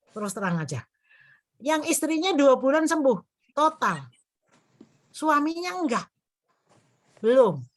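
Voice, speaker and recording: Middle-aged lady lecturing on herbs over a video call, chatty, slips into patient voices, highish voice. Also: a bit bright. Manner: chatty storytelling, acts out patient dialogue. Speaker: herbal medicine lecturer. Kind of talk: online lecture with anecdotes.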